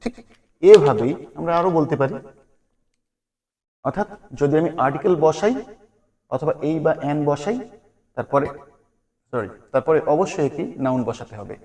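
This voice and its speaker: A man teaching a spoken English lesson, patiently repeating example sentences slowly. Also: fairly high pitch, expressive, dark tone.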